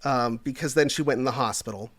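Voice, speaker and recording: A man's voice: mid-range voice, fast, fairly bright tone. A man in his late thirties, a podcast guest, telling a personal story in a rambling, casual way full of fillers. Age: 30s.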